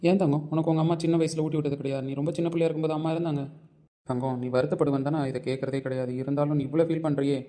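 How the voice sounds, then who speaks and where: A man's voice: a little high, little pitch movement, racing, warm tone, natural voice. A man acting a caring young husband asking his wife about her past. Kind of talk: family audio drama.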